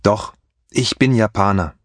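A man reading scripted textbook dialogue for a language course with slow, careful enunciation. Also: fairly low pitch, no echo.

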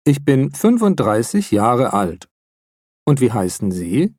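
A man in his thirties playing a friendly character in a scripted textbook dialogue, speaking in a clearly articulated way. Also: medium pitch, very animated, slow pace, darkish tone, no room sound, studio quality, heavily acted. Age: 30s. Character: adult man introducing himself, friendly.

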